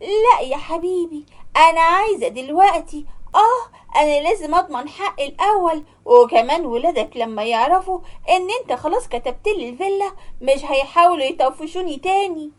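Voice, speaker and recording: A woman's voice: sits high, expressive, fast. A woman voicing a demanding, scheming young wife, pouting and wheedling in an Egyptian accent. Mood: whiny.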